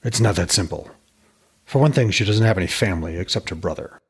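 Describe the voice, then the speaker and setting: Man voicing a low, husky, grim blind warrior. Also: lively intonation, fast talker, full character voice. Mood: guarded. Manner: terse, grave, dismissive. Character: grim, weary blind male warrior, former jarl. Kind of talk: dramatised reading of a myth tale.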